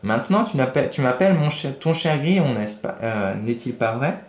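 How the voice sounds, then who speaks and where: A man's voice: mid-range voice, expressive, a little fast, reverberant, voice pushed up, close to an everyday voice. A man reading aloud and voicing a small, wise talking cricket in a storybook, reproachful and lecturing.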